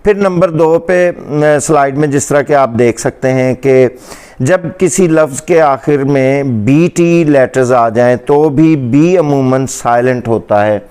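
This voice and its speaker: A male English teacher giving a pronunciation lesson, saying each word slowly and more than once so it can be heard well. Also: medium pitch, darkish tone, clear, resonant tone. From Pakistani Punjab. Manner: slow, deliberate repeating of each word. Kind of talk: pronunciation lesson in Hindi-Urdu.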